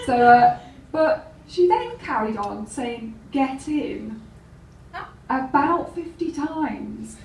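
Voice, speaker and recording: A woman's voice: sits high, animated, slow, darkish tone, a little hiss or hum. A woman telling wry, rambling anecdotes in a stand-up comedy set, laughing at her own jokes. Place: live comedy venue. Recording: roomy, distant mic with faint ambience.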